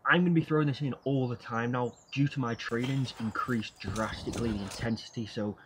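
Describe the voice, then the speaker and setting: A young man in his twenties talks casually to camera with the breath of someone freezing in cold water. His pitch is average for a man. He is outdoors, with faint ambient noise around him. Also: brisk. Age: 20s. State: cold, shivering breath while sitting in ice water. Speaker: fitness vlogger. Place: outdoors by a brick wall, in an ice bath.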